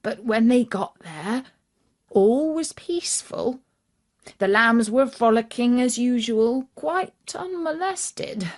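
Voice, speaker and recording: A British woman narrates a scripted children's story, measured and expressive in her storytelling. Her voice sits on the high side.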